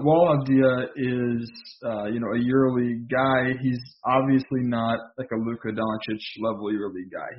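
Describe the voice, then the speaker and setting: A man co-hosting a podcast, talking basketball casually with lots of pauses and restarts. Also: mid-range voice, muffled recording. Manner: hesitant, many fillers and restarts. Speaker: podcast co-host.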